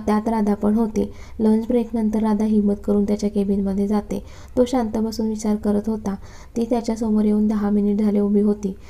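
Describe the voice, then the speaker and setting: A woman narrating a romantic story as a storyteller, with calm, even reading. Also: mid-range voice. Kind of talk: scripted narration.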